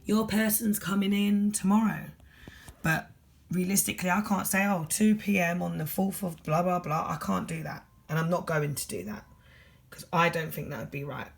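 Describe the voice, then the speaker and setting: Speaking fast and bluntly, a weary London-accented tarot reader works through a general reading in a husky, mid-range voice with a steady tone.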